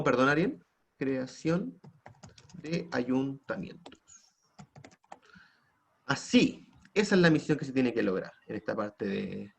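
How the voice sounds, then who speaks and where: A man's voice: medium pitch, gravelly. A man teaching an online class with a Chilean Spanish accent, prompting students with frequent tag questions. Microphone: computer mic on a video call.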